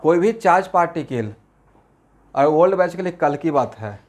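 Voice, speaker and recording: A man's voice: on the high side, animated, moderate pace. Man lecturing a chemistry class. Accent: Assamese-influenced Hindi. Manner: mixes Hindi with English terms, asks class questions constantly. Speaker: chemistry teacher.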